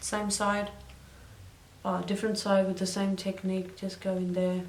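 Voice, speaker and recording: A woman's voice: mid-range voice, little pitch movement, moderate pace, a little hiss or hum. A young woman chatting through a makeup tutorial, drifting into side stories and correcting herself as she goes. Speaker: beauty vlogger. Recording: roomy echo.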